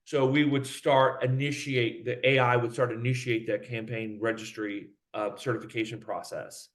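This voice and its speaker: Animated man, company head on a business interview, mid pitch, lively. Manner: animated, fast, acts out quoted voices. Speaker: guest, company CEO.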